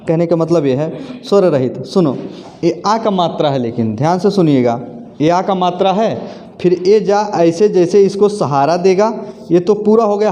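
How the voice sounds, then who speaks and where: With a high, mellow voice, this male teacher leads a grammar lesson in class. He asks questions, repeats the answers out loud, and addresses students as friends and sister.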